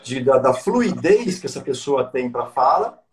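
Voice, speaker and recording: A man's voice: mid-range voice, sing-song, measured pace. A Brazilian man, a business coach guesting on a live online talk, explaining points with frequent tag questions.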